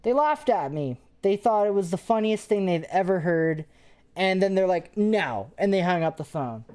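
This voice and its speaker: A woman's voice: on the low side, normal speed, mellow, smooth. A woman, a paranormal investigator, chatting casually and rambling with restarts while live-streaming.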